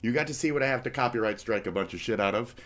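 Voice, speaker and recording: Talking very fast in a mid-range, slightly bright voice, a stuffy-nosed streamer rambles through a casual live-stream rant. He swears freely and drifts into half-rapped riffs.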